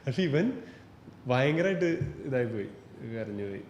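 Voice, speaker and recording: A man with a Malayali accent recalling memories haltingly in a casual group chat. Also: medium pitch, big pitch swings, darkish tone, muffled recording. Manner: halting, self-correcting recollection. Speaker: comedy podcast panelist. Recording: echoey room, long reverb, faint noise.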